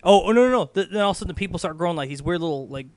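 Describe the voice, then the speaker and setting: A man's voice: high-pitched, expressive, racing. A tipsy man giving a casual, joking movie recap among friends, rambling, giggly and slangy, often losing his thread and backtracking. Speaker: amateur film reviewer, main storyteller.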